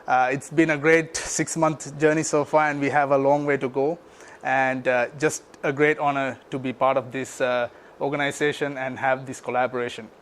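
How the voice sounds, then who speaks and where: A man in his thirties from Sri Lanka with a Sri Lankan English accent, giving a talk about his nonprofit with many pauses and restarts. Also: medium pitch, little pitch movement, fairly bright tone, a little hiss or hum. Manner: halting, many fillers and restarts. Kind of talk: speech to an audience.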